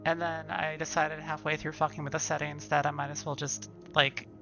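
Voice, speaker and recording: A woman's voice: sits low, flat delivery, brisk, vocal fry, a bit bright, lo-fi sound, soft background music. A woman streamer giving casual, wry, self-deprecating commentary while playing a game. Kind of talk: casual let's-play commentary.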